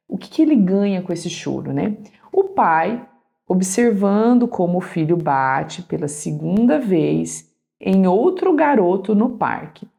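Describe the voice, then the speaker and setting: A woman with a warm, mid-range voice and some vocal fry reads aloud from a parenting book and adds her own commentary. Her tone is explanatory, like a lesson, and she keeps asking her listeners rhetorical questions.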